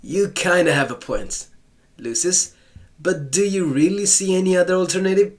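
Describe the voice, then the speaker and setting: While playing a visual novel, a man with a voice that sits high talks at normal speed, commenting casually. He is playful and sarcastic, joking back at the story's text.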